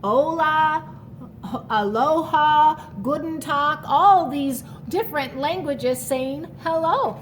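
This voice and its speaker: With a high voice, a woman reads a children's picture book aloud, and background noise is clearly audible. She goes slowly, taking her time over every line, and speaks simple, encouraging asides directly to the young listener.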